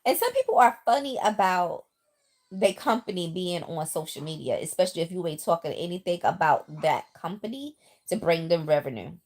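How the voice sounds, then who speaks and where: On a phone-mic livestream, a middle-aged woman talks with a lowish voice at a moderate pace. Bronx-born and now living in the South, she has a New York accent touched with Southern twang. She chats in a lively way straight to viewers and reads their comments out loud.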